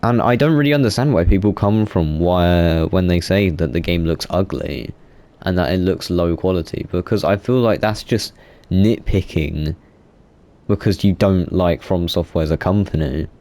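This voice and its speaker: A man's voice: deep voice, moderate pace, a little mellow. A young man, casually talking about video games in a rambling, self-correcting way with many fillers. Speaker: gaming YouTuber. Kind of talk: casual gaming monologue.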